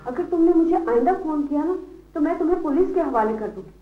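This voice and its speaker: A woman's voice: sits high, level tone, a little fast, distant mic. An actress playing an indignant woman scolding a caller over the telephone. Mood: furious. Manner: sharp and scolding. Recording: tinny phone line in an echoey room with music.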